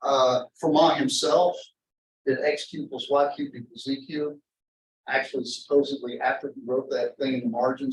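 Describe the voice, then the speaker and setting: A man giving an informal university math lecture in a rambling, halting way, often interrupting himself and drifting into asides. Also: mid-range voice, darkish tone, a little hiss or hum. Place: indoor classroom. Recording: echoey lecture room, distant mic.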